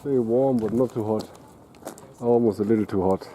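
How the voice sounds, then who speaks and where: A man chatting casually as a travel vlogger, rambling and hesitant with many pauses. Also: fairly low pitch, mellow. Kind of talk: casual travel vlog commentary. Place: outdoors in a busy city. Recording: noisy outdoor city recording. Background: street noise and traffic.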